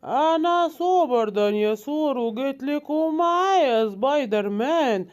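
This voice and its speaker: A woman voicing a male dinosaur hero in a cartoon, with an Egyptian Arabic accent and a slow, deliberate way of talking. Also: high voice, lively intonation, darkish tone. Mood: steady.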